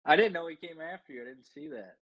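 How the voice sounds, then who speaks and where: A man with a fairly high voice, heard through a dull, muffled signal. He co-hosts a betting podcast and teases the others in an amused way. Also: fast, fairly bright tone, husky. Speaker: co-host, sports betting podcast. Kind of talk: casual podcast chat.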